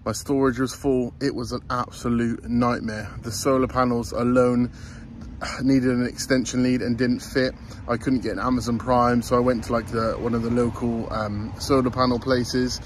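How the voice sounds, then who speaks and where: A man's voice: medium pitch, little pitch movement, normal speed, a little hiss or hum. A man, vlogging to camera in a casual, chatty way, worn out and hot after a long day. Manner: chatty, tired but upbeat, addresses viewers as guys. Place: inside a van under conversion. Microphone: phone held close, selfie framing.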